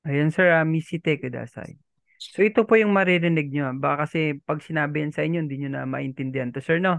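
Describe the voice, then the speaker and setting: A man's voice: a little high, quick pace, creaky, no echo. A man teaching a language lesson in a patient, polite way, often repeating himself and checking that the learners follow.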